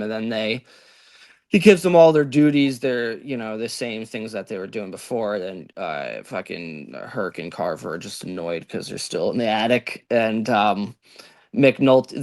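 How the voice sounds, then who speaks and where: A man co-hosting a TV recap podcast, recounting plot points in loose, casual talk with some swearing. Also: fairly low pitch. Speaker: podcast co-host. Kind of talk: casual chat.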